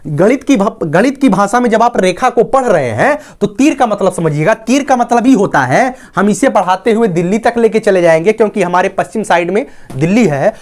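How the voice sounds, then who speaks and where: A man whose voice sits high works through a maths lesson at the board one step at a time. Along the way he repeatedly makes sure his audience is keeping up.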